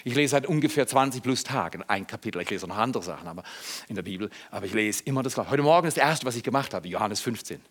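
A man preaching a sermon, swinging between quiet reflection and loud, emphatic passages. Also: lowish voice, animated, rapid-fire, husky.

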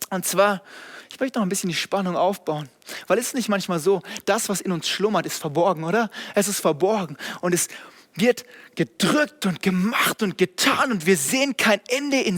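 A man preaching a sermon, speaking directly to his listeners with lively, emphatic delivery and rising calls to the congregation. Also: high voice. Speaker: pastor.

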